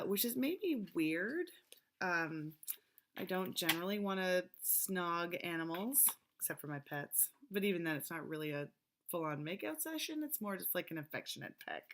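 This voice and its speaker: A woman with a slightly low voice talks casually to camera about her tarot decks. Her voice is still a little hoarse as it recovers, and she rambles warmly with fillers. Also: slight background noise. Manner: chatty, rambling, with many fillers and laughs. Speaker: tarot vlogger.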